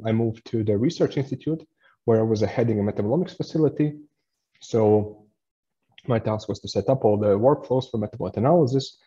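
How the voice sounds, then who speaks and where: A man delivers a webinar lecture in a lowish, mellow voice. He pauses and restarts often, filling gaps with "uh". The sound is slightly muffled, as over a video call. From Latvia. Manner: hesitant, many fillers and restarts while explaining.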